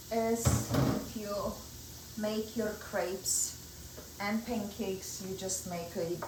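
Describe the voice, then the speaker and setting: Working in her kitchen on her home cooking show, this middle-aged Polish-accented woman from Poland chats away, describing every step. She has a lowish voice, recorded with reverberation and background noise.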